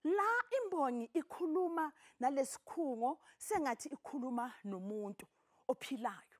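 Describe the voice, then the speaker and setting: A middle-aged South African woman teaching a poetry lesson, speaking in an emphatic, expressive, declamatory way. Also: sits high, normal speed. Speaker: television teacher. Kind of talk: poetry lesson, reading and explaining. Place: television studio, indoors.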